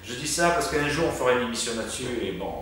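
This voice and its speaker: A man's voice: mid-range voice, fast, heavy reverb, recorded from a distance, slight background noise. A man telling a long personal story in casual conversation, acting out the voices he quotes with lots of fillers and restarts. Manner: lively, acts out quoted voices, frequent fillers. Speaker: medium telling ghost stories. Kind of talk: animated storytelling chat.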